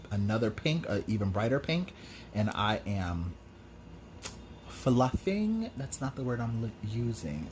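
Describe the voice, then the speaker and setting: A man's voice: on the low side, slight background noise. A man talking through a makeup tutorial as host in a sassy, campy drag queen manner, chatty and slangy. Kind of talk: casual makeup tutorial commentary with chatty asides.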